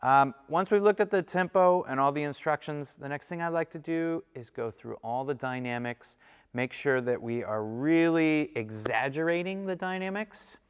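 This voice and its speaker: A man's voice: on the high side, moderate pace, clean tone, in a large hall. A man teaching a snare drum lesson, explaining each step and counting and singing the rhythms aloud in an encouraging way. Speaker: percussion teacher. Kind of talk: instructional lesson.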